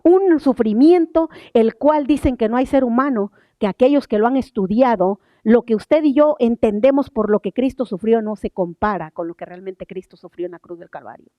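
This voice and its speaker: A woman's voice: fairly high pitch, no room sound, dull audio. Older woman preaching an emphatic sermon. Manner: emphatic, rising on key words, then drops to soft asides; reads scripture slowly and deliberately. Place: church sanctuary.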